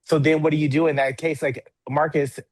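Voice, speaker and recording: A man's voice: fairly high pitch, level tone, brisk, a little mellow, no echo. A man co-hosting a podcast in casual chat, who leads the discussion and acts out scenarios with quoted voices. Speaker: podcast co-host.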